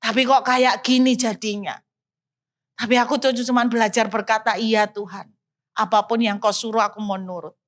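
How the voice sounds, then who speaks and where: Woman playing a young male missionary, bewildered, pleading with God in a high voice. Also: fairly even intonation, normal speed, close to an everyday voice.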